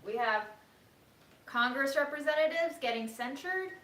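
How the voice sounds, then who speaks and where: A woman's voice: high-pitched, expressive, normal speed, a bit bright. A woman born in China talks earnestly and outspokenly in a casual cooking vlog from her home kitchen. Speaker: cooking vlogger. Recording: echoey room with faint noise.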